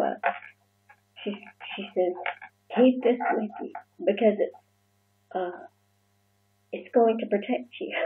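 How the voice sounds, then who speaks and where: A woman talks straight to the camera in a casual personal vlog, her voice carrying a gravelly fry. She hesitates often, filling gaps with fillers and restarting her sentences. The sound is thin and phone-like, as if from a low-quality recording. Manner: halting, many fillers and restarts.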